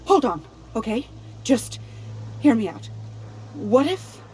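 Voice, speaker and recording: A woman's voice: fairly high pitch, big pitch swings, slow, warm tone, faint music behind, poor audio. An actress playing a frightened, nervously pleading young woman in a video game. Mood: desperate pleading. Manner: nervous, pleading, stammering informant.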